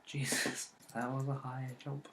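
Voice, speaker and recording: A man's voice: medium pitch, little pitch movement, a little slow, a bit bright, reverberant, a little hiss or hum. A man commentating casually on a game he is playing, muttering and swearing at his failed attempts. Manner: muttering, swearing at failures, rambling. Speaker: let's play host.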